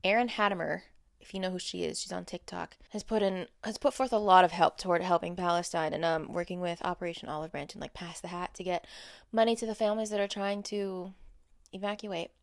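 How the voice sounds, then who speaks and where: This social media creator from the United States, standard American accent, reads her notes in an informal advocacy vlog with blunt, emphatic, casually profane delivery and candid asides. Her lowish voice is steady, fairly quick, and creaky, on a dry, studio-quality recording.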